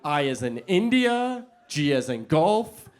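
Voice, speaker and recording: A young American man performing a stand-up comedy set, telling stories in an animated way and acting out the other people in them. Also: on the high side, slow. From United States. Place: comedy venue before a live audience.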